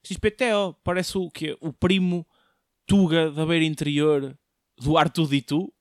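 A man's voice: a little high, steady tone, measured pace, dry recording, clean studio sound. A young man giving a slangy, jokey monologue, often putting questions to his listeners. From Portugal. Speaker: solo show host, comedian. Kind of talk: casual comedic monologue, slangy chat.

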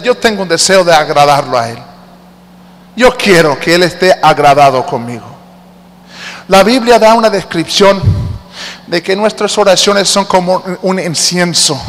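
A man's voice: a little high, fairly bright tone, long reverb tail. A man preaching a sermon as an evangelist, emphatic, rising to fervent appeals.

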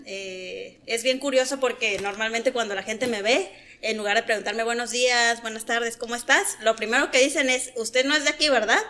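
A woman's voice: a little high, steady tone, normal speed, bright, forceful tone. A woman in her thirties from Oaxaca with a Mexican accent, chatting casually as a podcast guest and laughing often. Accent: Mexican Spanish.

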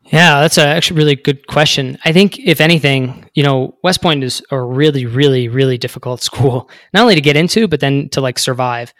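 A man's voice: mid-range voice, a little fast, hardly any pauses, fairly bright tone, dry recording, studio quality. A man in his thirties telling his story as a podcast guest, rambling with many fillers. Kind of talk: casual interview talk.

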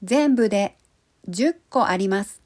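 A woman Japanese language coach hosting a podcast, speaking each phrase slowly and clearly for listeners to repeat. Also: medium pitch, animated, a little mellow. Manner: clear, deliberate model pronunciation, repeating each phrase twice. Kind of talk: slow pronunciation lesson podcast.

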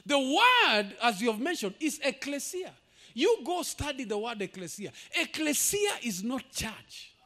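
Male pastor, very high voice, lively swooping delivery, emphatic sermon with shouted peaks. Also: unhurried. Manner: emphatic preaching, rising to shouts, drops into Swahili asides.

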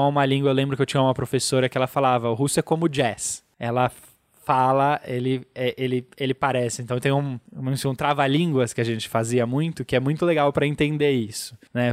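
A man's voice: medium pitch, dry recording. A man with a Brazilian Portuguese accent, a podcast co-host patiently explaining things in casual chat, often adding "né?". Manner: patient explainer, peppers sentences with "né?".

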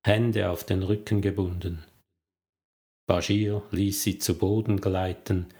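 A man narrating a thriller audiobook in a measured, deliberate way. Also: on the low side, gravelly, a little mellow.

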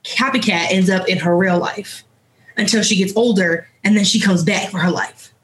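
A young adult woman co-hosting a podcast in casual chat, with a playful and animated manner. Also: mid-range voice, moderate pace. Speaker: podcast co-host.

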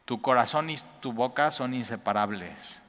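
A man preaching an earnest sermon, repeating words and rising in pitch to stress his points. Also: moderate pace, a bit bright. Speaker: pastor. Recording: long hall reverb.

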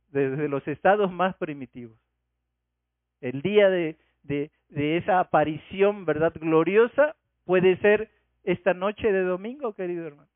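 A man's voice: high voice, no echo. A man preaching a Sunday sermon, expounding scripture and asking rhetorical questions. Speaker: pastor. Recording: tinny phone-like radio sound.

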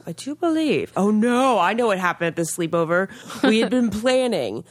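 A woman's voice: mid-range voice, expressive, moderate pace, dry recording. A woman hosting a podcast in casual chat, with a nasal, congested, slightly snobby-sounding voice from a cold and an emphatic storytelling manner. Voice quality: nasal, stuffed-up voice. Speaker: podcast host.

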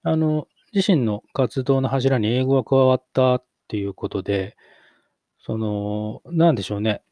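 A middle-aged man hosting a solo podcast, talking reflectively with many fillers and pauses. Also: mid-range voice, warm tone, dry recording, lo-fi sound. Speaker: podcast host.

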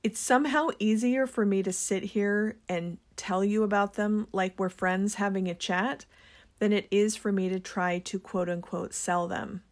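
A woman who runs a small business, talking in a slow, gentle, earnest way about sharing her products. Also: mid-range voice, steady tone. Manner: introverted. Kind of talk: reflective personal talk.

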